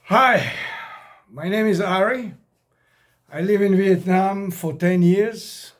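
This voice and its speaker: Slow-talking older male expat vlogger. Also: high voice. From outside America. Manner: rambling, direct advice in non-native grammar. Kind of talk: casual talk to camera. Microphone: camera mic.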